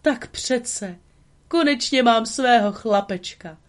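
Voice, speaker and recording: A woman voicing a kindly elderly male woodcarver in a storybook reading, with excited exclamations. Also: lowish voice. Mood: overjoyed.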